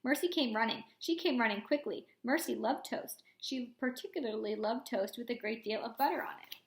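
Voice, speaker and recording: A woman reads a children's chapter book aloud, giving each character a different voice. Her voice sits high and bright. The room around her is echoey. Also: a little fast. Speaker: reader. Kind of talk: storybook read-aloud.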